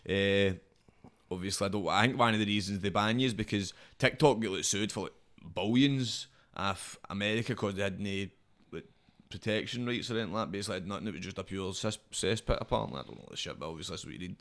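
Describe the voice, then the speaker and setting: A Scottish man with a broad accent talks very quickly in a fairly low voice. He rambles through casual, slangy chat, swearing often and peppering it with verbal tags. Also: a bit bright. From Scotland. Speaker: podcast guest, social media comedy creator and wrestler.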